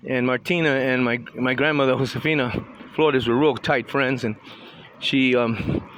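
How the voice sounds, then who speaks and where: Strolling through a town, a Southern Californian man in his 60s offers casual, opinionated commentary full of restarts. He speaks at a moderate pace in a steady, mid-range, slightly bright voice, over rough audio with traffic and outdoor street noise.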